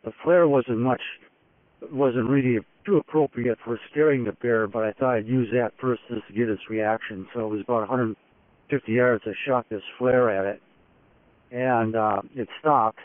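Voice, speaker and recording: A man's voice: mid-range voice, dry recording. Man on a dull, radio-like line. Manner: halting, matter-of-fact storytelling in short phrases. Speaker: expedition explorer giving a daily report. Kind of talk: unscripted first-person field report. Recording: dull radio-like phone link, dry.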